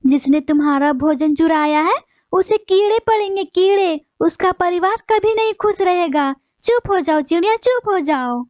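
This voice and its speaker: Woman doing a squeaky high neighbor bird, soothing and consoling, cartoon voice, dry. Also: animated, moderate pace, darkish tone, no echo. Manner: soothing, cursing the thief. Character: female bird, comforting neighbor. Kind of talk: cartoon voice acting.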